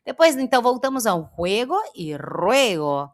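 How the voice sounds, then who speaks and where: A woman with a Brazilian accent teaching pronunciation, drawing out and repeating example words slowly. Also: on the high side, big pitch swings. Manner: slow, drawn-out demonstrations of sounds. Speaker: Spanish teacher. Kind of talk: pronunciation lesson.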